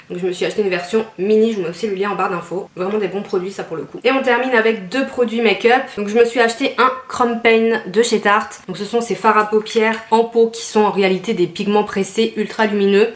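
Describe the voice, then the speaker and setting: A woman's voice: medium pitch, roomy sound. A young woman chatting enthusiastically through a shopping haul, showing her purchases to viewers. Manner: chatty, enthusiastic, rambling with fillers. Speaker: fashion and lifestyle YouTuber. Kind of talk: casual shopping haul vlog.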